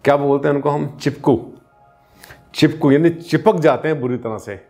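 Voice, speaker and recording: A man's voice: fairly high pitch, moderate pace, a little mellow, soft background music. A man who works as a vastu consultant, explaining in a casual, colloquial and teasing way and asking his audience rhetorical questions. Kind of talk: casual spoken explainer to camera.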